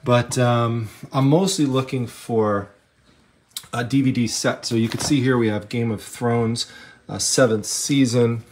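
A man's voice: mid-range voice, fairly even intonation, a little slow, a little hiss or hum. A man chatting casually as he walks through an estate sale house, filming by hand and filling his talk with "I mean" and "you know". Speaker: treasure hunting vlogger. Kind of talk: casual handheld walkthrough. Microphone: handheld camera, first-person view.

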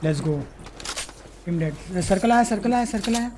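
Young Indian gamer barking quick callouts. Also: male voice, sits high, heavy background noise. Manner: rapid repeated team callouts. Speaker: gamer streamer. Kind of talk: live gameplay callouts. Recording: loud gunfire game audio behind. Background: loud gunfire and clicks.

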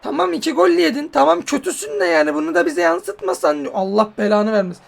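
A man giving casual, joking commentary on a football game he is playing, yelling at his players. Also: very high voice, fast, creaky. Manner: excitable, joking, swears and yells at players. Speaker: mobile football gamer.

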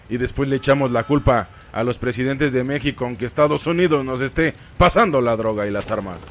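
A man with a Mexican Spanish accent giving casual let's play commentary, excitable and cursing, breaking into yells. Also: mid-range voice, normal speed, a little hiss or hum. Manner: excitable, swears, bursts into yells. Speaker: gaming streamer.

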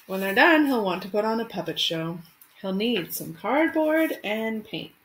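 With a mid-range, sing-song voice and a measured pace, a woman in her thirties who teaches elementary school speaks expressively and simply to kids, picture-book style. The home webcam recording in a small room has faint noise.

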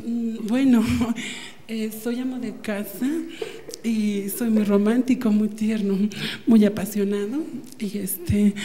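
A Mexican man in his twenties, from Mexico City, giving a comic audition, soft and giggly, holding a handheld mic in an indoor casting room. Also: high-pitched. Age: 20s. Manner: soft, sweet and giggly, gushing about tenderness. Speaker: audition candidate.

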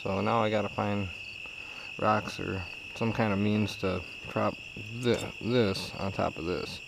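A man's voice: lowish voice, fairly even intonation, measured pace, gravelly. A man in his thirties talking casually to camera on an outdoor adventure vlog, in short, offhand muttered remarks. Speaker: vlogger. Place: outdoors in overgrown prairie. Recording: noisy outdoors, insects and nature sounds. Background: crickets, insects, outdoor ambience.

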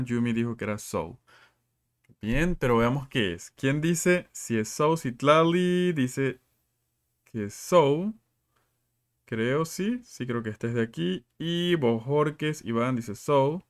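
Man teaching in a live class. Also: medium pitch. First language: Spanish. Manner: reads out students' answers and asks questions often. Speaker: English teacher.

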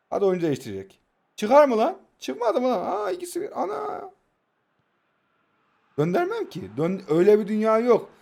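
A man, giving playful, taunting commentary over a mobile football game and bursting into excited play-by-play. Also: high voice. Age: 20s. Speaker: mobile football gaming YouTuber. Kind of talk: live gameplay commentary, teasing opponent.

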